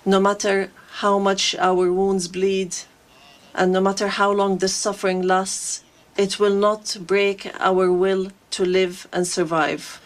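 Woman giving a flat translation voice-over. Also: mid-range voice, takes it slowly. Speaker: interpreter.

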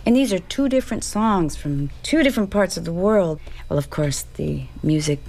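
A woman from Northern California, a guest singer, telling a story in an interview with animated, warm delivery. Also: on the low side, normal speed, gravelly. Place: radio studio.

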